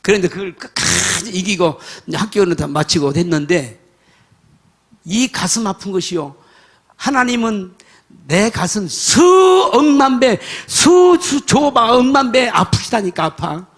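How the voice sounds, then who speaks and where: An older man preaching a sermon, his voice sitting unusually high for a man. He tells homely stories from the pulpit, sinking to quiet asides and then breaking into loud shouts. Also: animated, moderate pace. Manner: folksy storytelling preacher, swings from soft mutters to shouts. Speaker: pastor.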